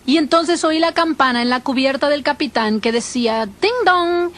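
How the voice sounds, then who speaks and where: A woman preacher telling her first-person testimony in an expressive, dramatic storytelling manner. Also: high-pitched, normal speed.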